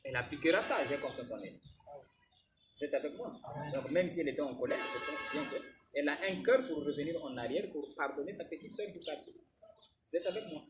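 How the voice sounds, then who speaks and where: A man preaching with an animated, high-pitched voice that swings widely in pitch. He keeps calling out to his congregation to make sure they follow. The mic sits some distance away, and background noise is clearly audible. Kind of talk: sermon.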